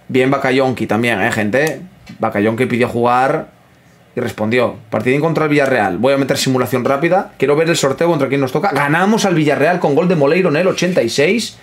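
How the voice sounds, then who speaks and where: A man commentating his own football video game, excitable, swearing freely and talking to his chat. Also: fairly high pitch. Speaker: gaming streamer. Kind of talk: live gameplay commentary.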